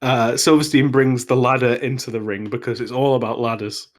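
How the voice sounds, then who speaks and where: A man co-hosting a podcast, recapping wrestling matches in a relaxed, casual chat. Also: medium pitch, fairly quick. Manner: relaxed, lays out match events play by play. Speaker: podcast co-host.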